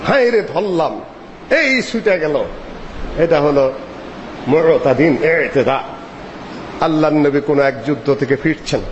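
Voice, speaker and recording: A man with a high voice delivers a sermon, chanting Arabic verses and explaining them in lively, swinging tones. The recording is dull and lo-fi, with a long reverb tail from the hall. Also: slight background noise. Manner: animated, swings pitch widely for emphasis. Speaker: Islamic preacher.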